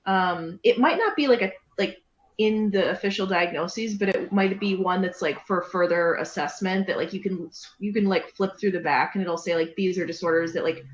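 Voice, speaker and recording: A woman's voice: fairly low pitch, moderate pace. Chatty woman in a roomy room. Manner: talkative, explains with many fillers. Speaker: podcast co-host, therapist. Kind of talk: casual chat. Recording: roomy, dull, slight hiss.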